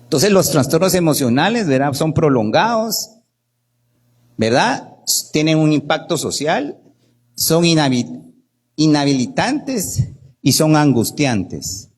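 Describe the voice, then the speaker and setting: Lively husky-voiced man teaching. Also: on the high side, takes it slowly, long pauses. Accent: Guatemalan Spanish. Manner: animated, asks "¿verdad?" often, acts out quoted people. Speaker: doctor giving a workshop. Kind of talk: lively workshop talk.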